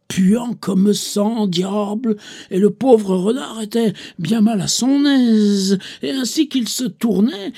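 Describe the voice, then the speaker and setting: Man, slow reading aloud, gravelly, dark tone, old tale. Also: sits high. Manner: slow, deliberate reading with occasional fillers. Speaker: reader.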